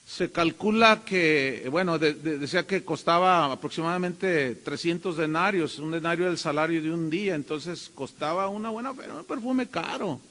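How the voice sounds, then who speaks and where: Emphatic Mexican pastor in a reverberant hall. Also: male voice, on the high side, normal speed, hardly any pauses, a bit bright. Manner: emphatic, rhetorical questions, mimics voices. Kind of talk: sermon.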